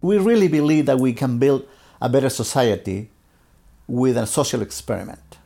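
Gravelly man recalling the past earnestly. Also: mid-range voice, moderate pace, warm tone. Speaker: interviewee. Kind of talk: recalled testimony.

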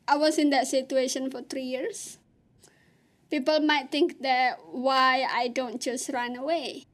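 A woman from Indonesia, telling her own story in an earnest, halting way with pauses and restarts. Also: high-pitched, steady tone. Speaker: interviewee. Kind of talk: personal testimony.

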